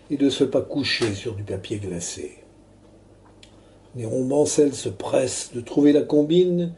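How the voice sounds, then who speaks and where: A man's voice: medium pitch, warm tone. A man declaiming a satirical verse monologue like a hammy stage actor, grandiloquent and pompous. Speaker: performer reciting a comic verse tirade.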